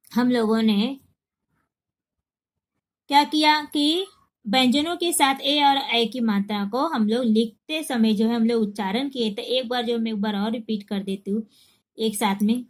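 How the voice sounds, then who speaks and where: A woman teaching a Hindi reading lesson, slowly and clearly sounding out syllable after syllable and checking that the class follows. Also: fairly high pitch. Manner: slow, clear drilling of syllables; repeats and checks understanding.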